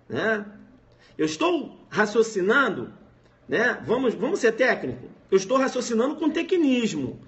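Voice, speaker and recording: Brazilian man, law teacher on a live stream, fairly high voice with a very lively pitch, keeps asking if you follow. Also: dull audio. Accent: Brazilian Portuguese. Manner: animated, keeps checking understanding, acts out scenes.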